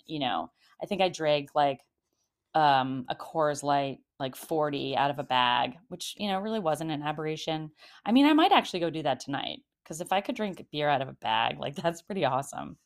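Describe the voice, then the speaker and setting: Woman in her late forties, low pitch, chatty and rambling, casual monologue. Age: 40s. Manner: chatty, rambling, frequent "like" and laughs. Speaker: podcast host.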